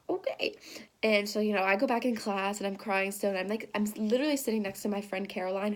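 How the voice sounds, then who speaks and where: A teenage girl excitedly telling a personal story in a casual, rambling way, full of "like" and "um". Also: medium pitch. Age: teens. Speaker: high school student telling a story.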